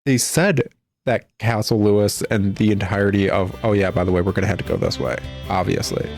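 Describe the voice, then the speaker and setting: Over soft background music, a man with a lowish, darkish voice talks briskly about a video game. His commentary is casual, blunt, sarcastic and exasperated, and he also reads out cutscene dialogue.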